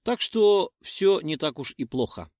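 A man reading aloud and voicing a cocky young man who boasts and teases loudly. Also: a little high, big pitch swings, measured pace, dry recording, clean studio sound, pitched above the performer's own voice. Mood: boastful, teasing. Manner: boastful, loud. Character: cocky young man gloating over winnings.

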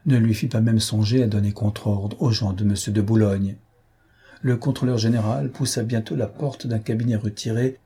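A male audiobook narrator reads in a measured, dramatic style. His voice sits on the low side, dark and mellow. It has a strongly husky, raspy texture. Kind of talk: scripted narration.

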